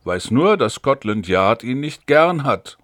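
A man reading the part of a calm, guarded police officer in an audiobook, measured in tone. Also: medium pitch, no room sound, clean studio sound.

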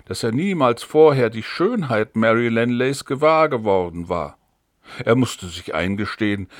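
A man narrating a novel in an audiobook with expressive storytelling. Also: medium pitch, no room sound, studio quality. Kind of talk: scripted narration.

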